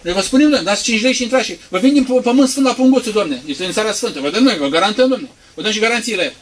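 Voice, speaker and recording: Man putting on a high, shouting, jeering huckster who mocks and sells trinkets; brash and loud. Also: animated. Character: loud mocking male skeptic peddling holy soil.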